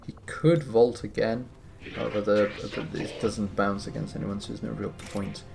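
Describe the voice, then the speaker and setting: A man giving relaxed, wry commentary on his gameplay, sounding a bit tired. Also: lowish voice, moderate pace, creaky. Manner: relaxed, wry, thinking aloud. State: tired, yawning. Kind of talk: casual let's-play commentary. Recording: music playing behind.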